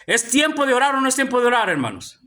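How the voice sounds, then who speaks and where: Guy preaching in church, real high bright voice, keeps saying hermano to the crowd. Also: sing-song, fast. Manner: preaching with frequent calls of "hermano" to the congregation. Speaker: pastor. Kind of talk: sermon. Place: church hall with a live congregation.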